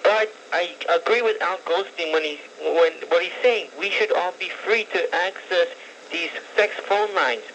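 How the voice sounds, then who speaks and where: A man in his twenties calls in by phone with a high, bright voice. He turns evasive and defensive when pressed, and a faint hiss sits under the line. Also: measured pace, muffled recording. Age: 20s. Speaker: caller. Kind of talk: call-in talk radio.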